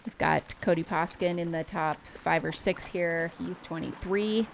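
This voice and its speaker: A woman commentating a race livestream from away from the course, chatty and openly excited. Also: fairly low pitch, a little slow, gravelly. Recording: noisy live stream.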